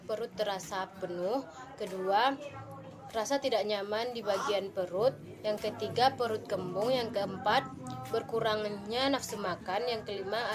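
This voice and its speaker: A young woman from West Sumatra, Indonesia, introducing herself and reading a list in a plain way. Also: mid-range voice. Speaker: student presenter.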